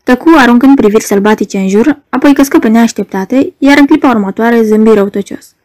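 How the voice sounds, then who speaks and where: A woman narrating a novel in a steady, scripted audiobook reading. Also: a little high.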